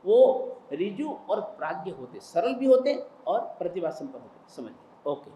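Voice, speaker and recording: A man's voice: sits high, very animated, a little slow, dark tone. A man preaching a sermon and telling a story, with emphatic, repetitive phrasing. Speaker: Jain preacher. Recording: roomy hall with faint ambience.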